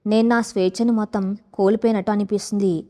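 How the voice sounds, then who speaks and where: A woman's voice: mid-range voice, steady tone, mellow, lightly acted. Woman doing a crying young bride. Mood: tearful despair. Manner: trembling, slow, pleading. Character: young bride, 24, gentle and trapped.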